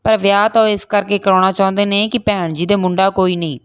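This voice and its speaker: A woman's voice: mid-range voice, steady tone, fast, clear, resonant tone, voice pushed up, natural voice. A woman reading as an earnest young son. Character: young village man, earnest dutiful son.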